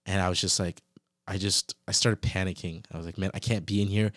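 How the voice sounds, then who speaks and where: A young man earnestly retelling a personal ordeal in casual storytelling, animated and quoting his own thoughts, now and then weaving in scripture. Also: deep voice, a little fast, no echo, clean studio sound. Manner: references scripture while reflecting.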